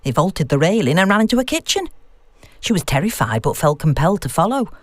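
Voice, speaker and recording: In a dry recording, a woman with a fairly low, very animated voice talks fast as she plays a knowing, unflustered female academic telling spooky tales in an audiobook. It's eerie storytelling delivered as audiobook dialogue.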